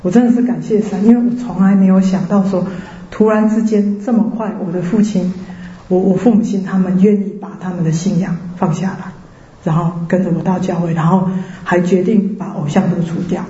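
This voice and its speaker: A Taiwanese woman with a Taiwanese Mandarin accent shares her personal faith testimony in a lively, storytelling way, slipping into the voices of the people she quotes. Her voice is mellow and dark-toned. The recording sounds roomy and a little dull. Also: lowish voice, brisk. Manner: lively storyteller who acts out quoted voices and laughs often. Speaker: church member giving testimony.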